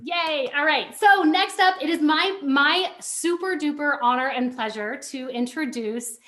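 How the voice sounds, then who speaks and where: A woman's voice: sits high, a little slow, a bit bright. A woman co-hosting a video-call event, introducing guests with bubbly enthusiasm. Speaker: co-host, emcee. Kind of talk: upbeat emcee introductions.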